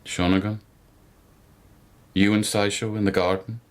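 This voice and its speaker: An actor playing a patient, devoted police lieutenant of an imperial court in a radio drama, asking questions in a quiet, measured, gently pressing way. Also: male voice, on the low side, level tone, close to an everyday voice. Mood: patient probing. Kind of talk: literary radio drama acting.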